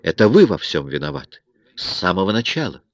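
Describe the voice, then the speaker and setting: A resentful young woman in a tight spot, sharp and reproachful, as a man reading the story puts her on. She sounds close and dry on a dull, lo-fi recording. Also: low-pitched, sing-song, brisk, creaky, dry recording, heavily acted. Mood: cold. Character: angry, selfish young woman in trouble.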